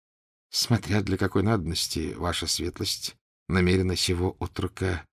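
A man's voice: sits low, steady tone, normal speed, creaky, husky, no room sound, clean studio sound, full character voice. A man voicing a sly, obsequious court secretary. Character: sly, dancing male Italian secretary.

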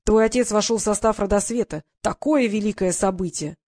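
A woman's voice: medium pitch, fairly quick, darkish tone, no echo, studio quality, natural voice. A woman voicing a mocking, impatient teenage boy with a brusque, sarcastic manner.

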